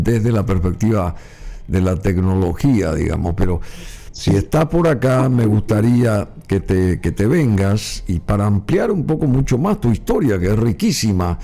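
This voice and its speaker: Gravelly low-voiced host. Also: male voice, dark tone. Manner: frequent murmured backchannels, formal and courteous. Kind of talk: interview hosting. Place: studio.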